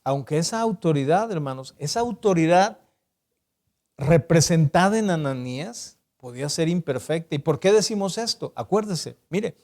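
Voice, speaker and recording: Mexican pastor guy preaching, fairly high voice, acts out the bible lines, keeps asking ¿verdad?. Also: moderate pace. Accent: Mexican Spanish. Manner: animated preaching, acts out Bible dialogue with sudden pitch jumps; asks the congregation "¿verdad?" and "¿sí?" often. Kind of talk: sermon.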